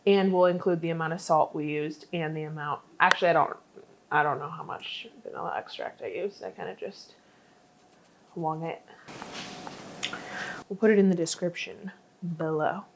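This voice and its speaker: A woman's voice: deep voice, normal speed, a little hiss or hum. A young woman vlogging in her home kitchen, chatty and self-mocking as she bakes and talks. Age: young adult. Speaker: lifestyle vlogger. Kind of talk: casual chat while baking.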